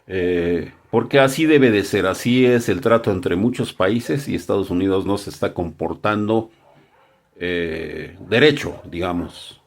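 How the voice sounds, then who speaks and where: A man delivering conversational news commentary, often pausing with hesitations. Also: low voice.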